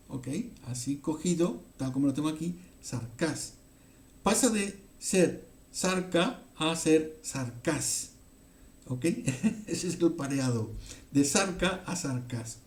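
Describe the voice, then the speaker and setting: A man from teaching a Bible passage in a halting way, with many fillers and frequent "ok?" check-ins. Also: a little high, a little mellow. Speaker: preacher.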